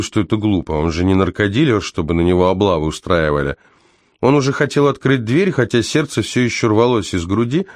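Low-voiced man narrating a tense story. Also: no room sound, studio quality. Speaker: audiobook narrator. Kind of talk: scripted narration.

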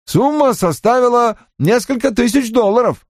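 A man's voice: extremely high pitch, expressive, moderate pace, no room sound, studio quality, voice pushed up. Man voicing a fussy, wordy young assistant. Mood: earnest. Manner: long-winded, over-formal reporting. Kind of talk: audiobook character voice.

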